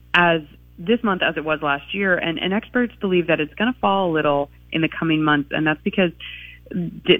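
A man reporting business news for a radio show in a brisk, informative way. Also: a little high, no room sound. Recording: tinny phone line.

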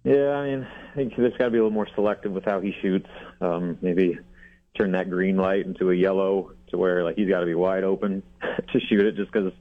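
A man's voice: sits low, brisk. Man on a tinny phone line. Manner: relaxed, frequent fillers and restarts. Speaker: guest sports reporter. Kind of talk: casual radio chat. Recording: phone-line call-in audio.

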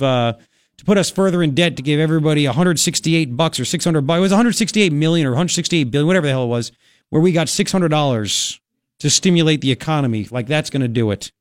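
Here a Long Island, New York accented man runs an opinionated political talk radio show in a fairly high voice. He talks emphatically and colloquially, saying things again for effect. The sound is dry and studio-clean.

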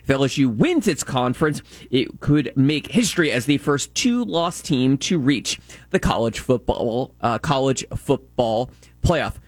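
A man's voice: medium pitch, animated, measured pace, no echo. A man co-hosting a sports talk show, reading scores and news and bantering with his co-host.

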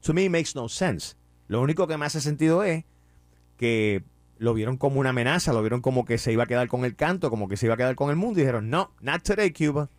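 Male radio host, mid-pitched, casual, code-switching; dry studio sound. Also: animated, fast, dry recording. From Puerto Rico. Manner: mixes English phrases into Spanish, chatty.

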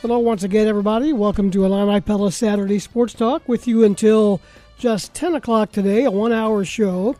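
A man hosting a sports radio talk show, with a loud, compressed broadcast delivery, briskly rattling off schedules and scores like an announcer from a studio microphone. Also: sits high, steady tone, faint music behind. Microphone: close studio microphone.

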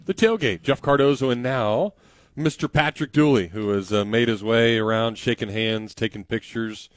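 Dry-sounding male radio host, mid pitch. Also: normal speed, dry recording. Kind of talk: conversational radio hosting and ad reads.

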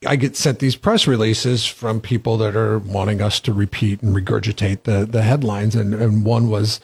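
A man with a gravelly, husky voice co-hosts a casual podcast. He thinks aloud, restarting phrases as he works through his point. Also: lowish voice, steady tone, moderate pace, a little mellow. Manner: conversational, hesitant restarts.

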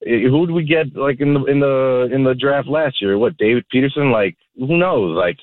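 A man's voice: medium pitch, dry recording. Male caller on a tinny phone line. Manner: halting, repetitive, exasperated. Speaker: caller to sports radio show. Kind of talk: casual sports fan talk.

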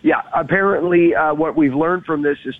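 A man's voice: fairly high pitch, moderate pace, no echo. A man co-hosting a golf talk show, casually commentating and recounting shots in emphatic detail like a golf commentator, over a tinny phone-like line.

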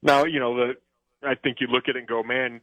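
Speaking quickly at a medium, level pitch, a football analyst discusses the sport on sports radio. His talk is chatty and full of fillers and restarts. It comes through dry phone-line audio with no echo.

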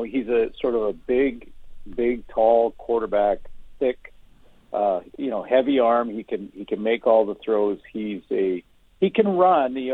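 A man giving measured football analysis as a guest on a sports radio show, restarting his sentences often. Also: on the low side, breathy edge, no room sound. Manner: measured, many restarts and hedges. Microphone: phone. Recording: tinny phone line.

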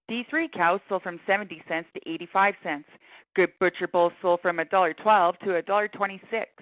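A woman's voice: on the low side, fairly bright tone, dry recording, low-quality recording. A woman reading a scripted livestock market report for farm radio.

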